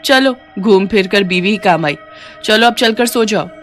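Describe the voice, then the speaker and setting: A woman's voice: normal speed, faint music behind, natural voice. Woman doing a nagging village wife. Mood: scolding. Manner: scolding, shrill.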